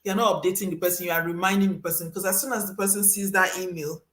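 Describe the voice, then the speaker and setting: A woman hosting a casual advice talk, emphatic and animated, acting out little scenes with sudden high voices. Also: rapid-fire, echoey room. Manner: emphatic, repeats for stress. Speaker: host giving career advice.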